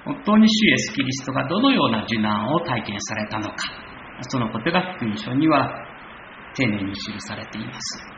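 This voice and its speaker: A man preaching a sermon in measured phrases that rise for emphasis. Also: mid-range voice, lively intonation, roomy sound, dull audio, noisy background. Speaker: pastor.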